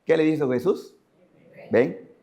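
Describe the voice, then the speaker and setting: Animated, shouting Panamanian priest. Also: male voice, a little high, normal speed. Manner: shouting, animated, dramatic acting out of scripture. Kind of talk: lively sermon. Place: church in Panama.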